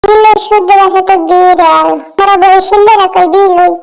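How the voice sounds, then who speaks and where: A squeaky cartoon mother with a Barishal accent. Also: steady tone, moderate pace, vocal fry. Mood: explaining. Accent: Barishal dialect of Bengali. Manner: explains plainly, matter-of-fact. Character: patient mother explaining words to her child. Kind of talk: comic cartoon dub.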